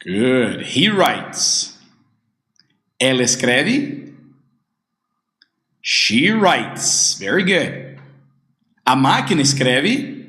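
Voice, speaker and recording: A man teaches an English lesson at an unhurried pace. His pitch rises and falls a lot as he drills phrases. His voice has a roomy echo around it. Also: sing-song, pushed and bright. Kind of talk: online language lesson.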